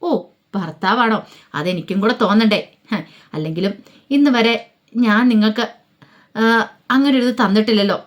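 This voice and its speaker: A woman voicing a defiant young wife who answers with sharp retorts, in a quick spoken story. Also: medium pitch, natural voice.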